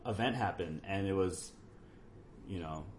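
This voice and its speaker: Low-voiced male voice-over guy, rambling. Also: unhurried, a little hiss or hum. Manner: relaxed, rambling, trails off quietly. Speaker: voice-over artist. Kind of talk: casual podcast chat.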